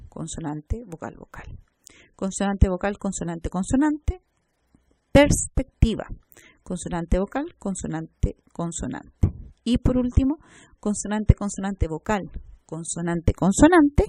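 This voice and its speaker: Woman, lecture teacher, fairly high voice, mellow tone, step-by-step explanations. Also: dry recording. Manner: explains step by step, checks with "¿ya?" and "¿no es cierto?"; spells out syllables slowly. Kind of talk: recorded slide lecture.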